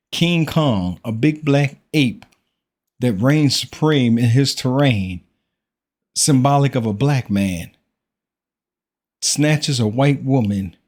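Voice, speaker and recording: Husky man giving critical commentary. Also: medium pitch, a little mellow. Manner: critical and preachy, rhetorical questions. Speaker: reaction commentator. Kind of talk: reaction commentary.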